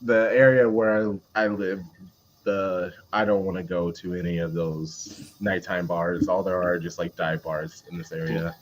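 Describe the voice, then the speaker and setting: A man's voice: sits low, level tone, unhurried, a little hiss or hum. A man hosting a casual show, joking and stumbling over a guest's name. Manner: playful, stumbling over words. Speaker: host. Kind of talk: casual chat.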